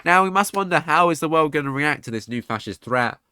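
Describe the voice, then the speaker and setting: A man's voice: on the high side, lively intonation, brisk, sharp tone, clear, resonant tone, no echo. A man, sick and congested, casually narrating a map scenario game in a rambling, offhand way. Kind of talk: casual gaming commentary.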